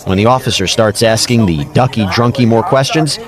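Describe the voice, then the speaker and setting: A man's voice: mid-range voice, a little fast, a crowd in the background. An American man reading scripted true-crime narration as a storyteller.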